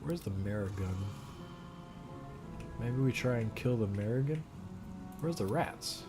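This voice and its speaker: A man's voice: mid-range voice, lively intonation, a little slow, over music. A man casually commentating his gameplay, thinking aloud and muttering his plans as he goes. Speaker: gamer.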